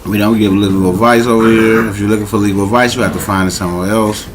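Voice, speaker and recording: A man's voice: on the low side, steady tone, quick pace, background noise. A man casually hosting a late-night livestream, talking in slang and repeating his greetings over and over to the chat. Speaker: livestream host. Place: home, late at night, dogs nearby.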